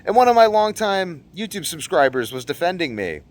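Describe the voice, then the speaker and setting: His voice is high with big pitch swings, and he talks a little fast. In a loose, unscripted vlog monologue to his viewers, the man rambles earnestly and keeps repeating phrases for emphasis.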